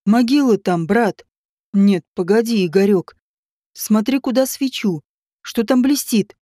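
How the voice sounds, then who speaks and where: A woman reading an audiobook voices a tense young man digging in a forest, often dropping to a low, urgent whisper. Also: a little slow, mellow, dry recording, studio quality, natural voice. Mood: grim.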